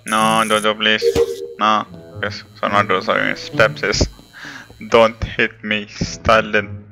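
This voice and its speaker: A man's voice: lowish voice, monotone, slow pace, vocal fry, rough recording. A man chatting casually while gaming with friends, swearing and teasing them as he plays. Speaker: gamer recording gameplay. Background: loud music.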